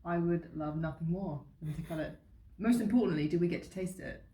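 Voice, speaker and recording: Casting: woman co-host, low-pitched, eager and laughing, in a roomy space with faint background hiss. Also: brisk, dark tone. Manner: chatty and enthusiastic, laughs often. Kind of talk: casual chat.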